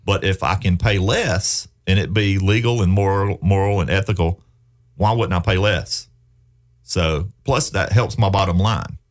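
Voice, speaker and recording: Speaking at a measured pace in a low voice, a studio host of a real estate radio program chats casually, folksy and persuasive, steering listeners with leading questions.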